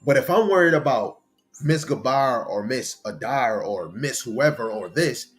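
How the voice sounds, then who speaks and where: A man teaching a sermon-style Bible lesson in a conversational way, often checking in with "right?" and reading scripture slowly. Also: mid-range voice, lively intonation, soft background music.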